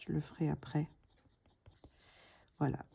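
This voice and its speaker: A middle-aged woman narrating a coloring tutorial, slow and soft-spoken, thinking aloud and often dropping to a whisper. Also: low voice, flat delivery, gravelly, slightly rough.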